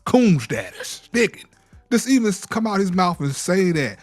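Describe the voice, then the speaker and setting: A man co-hosting a casual commentary show, talking in an animated, mocking, exasperated way. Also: high-pitched, moderate pace, dry recording, soft background music. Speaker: co-host.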